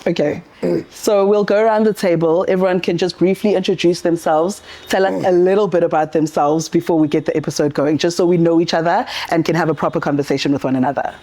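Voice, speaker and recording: A woman's voice: lowish voice, steady tone, fast, dark tone. A South African woman co-hosting a podcast conversation, guiding it in an upbeat way. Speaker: podcast co-host.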